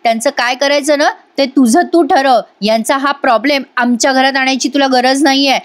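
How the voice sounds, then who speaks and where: A woman's voice: high voice, fairly even intonation, a little fast, lightly acted. A woman voicing a scornful elder male family head, dismissive.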